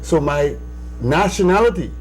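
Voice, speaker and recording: A Bahamian man in his sixties, an interview guest, speaking emphatically, with restarts and sudden rises in pitch. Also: expressive, normal speed, a little hiss or hum, low-quality recording. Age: 60s. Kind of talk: conversational interview.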